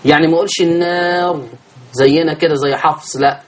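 A man's voice: fairly high pitch, steady tone. A man with an Egyptian accent teaching Quran recitation rules, asking and answering his own questions and drawing out chanted examples. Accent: Egyptian Arabic. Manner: slow drawn-out chanted examples. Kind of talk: teaching tajweed.

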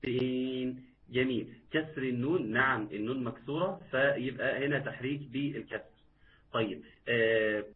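A man with an Egyptian Arabic accent teaching Quran recitation in a live online lesson, patiently repeating words and quizzing his viewers. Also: mid-range voice. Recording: tinny phone-like line.

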